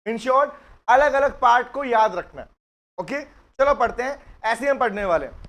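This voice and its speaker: A man's voice: extremely high pitch, expressive, moderate pace, a bit bright. A man teaching company law in a live online class, chatty and teasing with his students.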